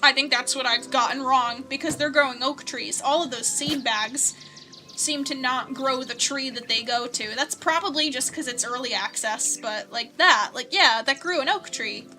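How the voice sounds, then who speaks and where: A woman's voice: high-pitched, moderate pace, over music. A young woman streamer chatting casually as she plays a game, reading chat and giggling often. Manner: chatty and giggly, coos at pets. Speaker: gaming streamer.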